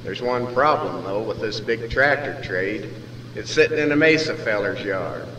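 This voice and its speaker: A man's voice: fairly low pitch, lively intonation, moderate pace, sharp tone. A man with an American West accent and a folksy cowboy drawl, reciting rhymed cowboy poetry as a storyteller. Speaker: cowboy poet. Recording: echoey hall from far off, faint noise.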